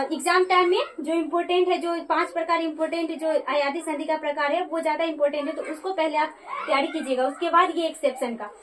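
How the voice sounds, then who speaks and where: In a classroom lecture on Sanskrit grammar, a woman with a very high, slightly bright voice often poses a question aloud and then answers it herself for her students. There's a little background noise.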